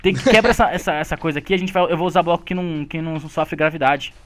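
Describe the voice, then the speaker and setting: A high-voiced young man with a Brazilian Portuguese accent talks quickly on a voice call. He runs the group's Minecraft game, explaining the goals and giving orders with excitable energy. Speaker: lead Minecraft player. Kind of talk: casual gaming chat with friends.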